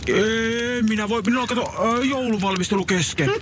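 A man's voice: sits high, background noise, natural voice. A man playing a bumbling, fretful old Santa Claus who stammers and hesitates, in a comic skit. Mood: puzzled.

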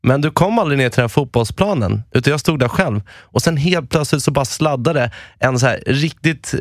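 A young man co-hosting a casual podcast, telling his side of a story briskly and with energy. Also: medium pitch, expressive, no room sound, clean studio sound. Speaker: podcast co-host. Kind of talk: casual chat.

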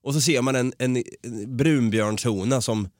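A man's voice: medium pitch, a little mellow, no echo, studio quality. A man hosting a casual podcast who talks animatedly, swears a lot and laughs often. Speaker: podcast host.

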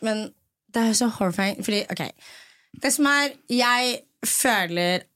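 A woman's voice: a little high, expressive, fairly bright tone. A woman hosting a casual podcast, playful and mixing English phrases into her talk. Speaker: podcast host.

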